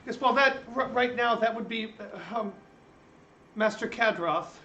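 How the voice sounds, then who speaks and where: A man's voice: high voice, unhurried, pushed and bright, dull audio. A man voicing a frightened, flustered female servant who stammers nervously in a tabletop game. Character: frightened, flustered female servant guarding her master's door. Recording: echoey room, faint noise.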